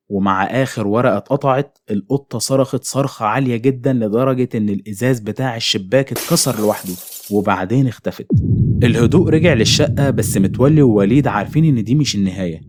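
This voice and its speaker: A man with an Egyptian Arabic accent tells a horror story at a brisk clip. His voice sits at a middle pitch, and his delivery stays suspenseful. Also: darkish tone, slight background noise. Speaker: narrator.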